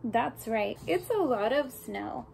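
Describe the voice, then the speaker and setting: With a slightly high, creaky voice, a woman reads a picture book to young children at a slow pace, expressively putting questions and asides to them. Background noise is audible.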